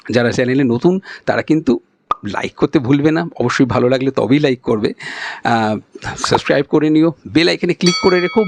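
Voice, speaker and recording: A man with a Bengali accent, teaching English pronunciation in a spoken lesson and demonstrating sounds slowly and patiently. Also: mid-range voice, vocal fry, background noise.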